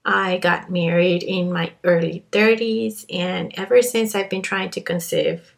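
In a fairly low, gravelly voice with a steady tone and measured pace, a Colombian podcast host in her thirties delivers a monologue about her own life. She has a Colombian accent and comes across as earnest and confiding, using fillers and restarting sentences, recorded on a podcast microphone.

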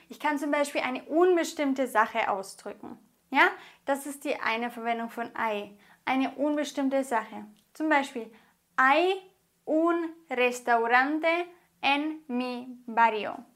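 A woman from Germany teaches a grammar lesson with a high voice. She speaks slowly and enunciates each word with care, like a patient teacher. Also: fairly bright tone. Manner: slow, carefully enunciated explaining. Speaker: Spanish teacher.

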